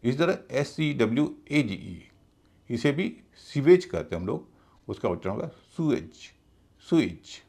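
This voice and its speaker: Husky, gravelly man teaching pronunciation. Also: medium pitch, sing-song, normal speed, darkish tone. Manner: methodical, spells out letters and repeats words. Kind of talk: explanatory video lesson.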